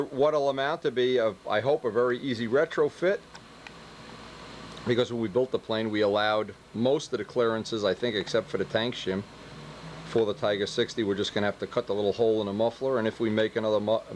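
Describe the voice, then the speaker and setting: A man's voice: fairly low pitch, fairly quick, slight background noise. A man giving casual hands-on workshop commentary, joking and teasing his helpers as he instructs them. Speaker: host, model plane builder directing helpers.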